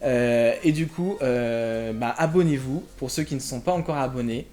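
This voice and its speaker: A man's voice: mid-range voice, moderate pace, darkish tone, soft background music. A man hosting his own collector channel, chatting casually to viewers as he opens trading card packs, with many fillers and a friendly direct address. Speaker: YouTube collector channel host.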